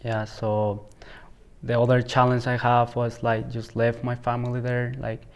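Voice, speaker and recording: A Salvadoran teenage boy, a high school student, answers interview questions indoors at school in a Salvadoran Spanish accent. He speaks haltingly, peppering his answers with "like" and "you know." His delivery is smooth but completely flat.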